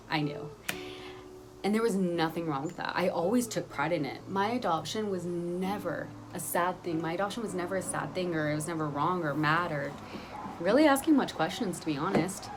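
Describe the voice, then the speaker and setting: A young woman telling a personal story on her vlog, earnest and rambling, often restarting her sentences. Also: deep voice. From Guatemala, raised in Utah. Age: young adult. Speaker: vlogger.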